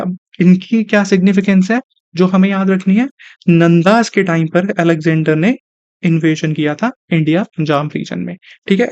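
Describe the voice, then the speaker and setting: A young male teacher delivers an online exam-prep lecture in Hindi mixed with technical terms, asking questions and answering them himself. His voice is a little high with a darkish tone. The recording is dry and slightly dull, with no room sound.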